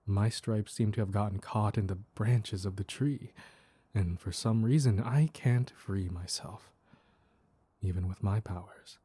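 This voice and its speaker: A man voicing a mischievous, flirtatious mad cat in an intimate roleplay audio, teasing with coy pet names in a soft, husky purr. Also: on the low side, a little slow, no echo. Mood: sheepish, gentle.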